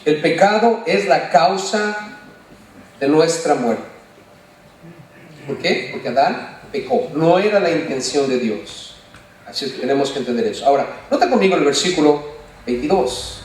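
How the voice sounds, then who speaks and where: A man preaching as a pastor, animated, often asking the congregation questions and joking. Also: fairly high pitch, unhurried, pauses often, slight background noise. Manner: playful, jokes and mimics voices. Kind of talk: sermon. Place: church sanctuary. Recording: echoey church from far off.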